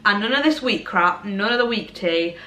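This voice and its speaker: A young woman in her twenties from Derbyshire, England, chats to a camera at home in a bright indoor room, rambling and poking fun at herself in an English Midlands accent. Her medium-pitched voice is bright and forceful, with lively intonation and a moderate pace. The sound is roomy and the audio quality is poor.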